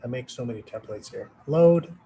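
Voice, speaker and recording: A man's voice: mid-range voice, expressive, normal speed, gravelly, warm tone, slight background noise, poor audio. A man hosting a live trading webinar, answering viewer questions in a loose, rambling way with many fillers and restarts. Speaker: trading educator presenting a webinar.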